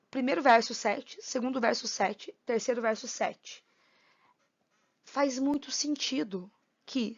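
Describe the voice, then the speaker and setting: A woman's voice: on the high side, vocal fry, a bit bright, highs cut off. A woman teacher giving a recorded lesson on poetry, explaining step by step and counting syllables aloud.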